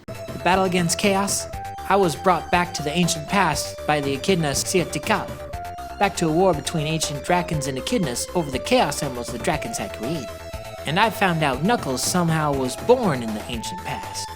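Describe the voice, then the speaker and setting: A woman's voice: low voice, animated, moderate pace, over music. A woman voicing a young male hedgehog hero, narrating a scripted recap of his backstory matter-of-factly with wry asides.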